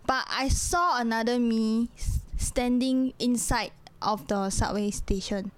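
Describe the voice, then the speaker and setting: Young Singaporean woman, slightly high voice, casual Singlish storyteller, conversational and colloquial. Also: unhurried, clear, resonant tone. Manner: colloquial Singlish with sentence-ending particles. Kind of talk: casual chat, telling personal stories.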